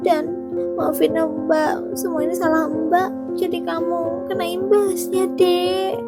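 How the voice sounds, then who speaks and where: Cartoon drama: woman playing a gentle wronged young woman, high and soft. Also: normal speed, loud music behind the voice, natural voice. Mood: tearful.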